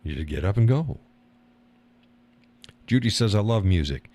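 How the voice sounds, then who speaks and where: A man with a low, dark, expressive voice talks a little slowly on his own casual stream. He rambles bluntly, swears without restraint, laughs between thoughts, and leaps up in pitch to mimic others.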